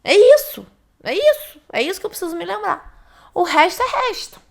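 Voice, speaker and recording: A young woman teaching an online test-prep lesson, animated and chatty, often laughing and speaking directly to her viewers. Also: extremely high pitch, moderate pace, gravelly.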